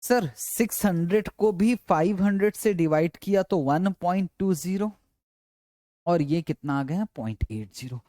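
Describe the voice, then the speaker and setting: A man's voice: high-pitched, moderate pace, warm tone, no echo, studio quality. A male teacher giving a classroom lecture, explaining step by step and coaxing, often asking students' questions and answering them himself. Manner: repetitive, coaxing.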